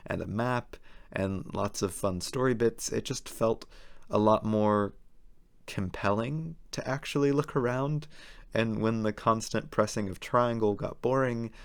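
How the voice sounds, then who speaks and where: A man presents a video essay with casual, opinionated commentary. His voice sits on the low side and sounds hoarse and worn, as though it's giving out.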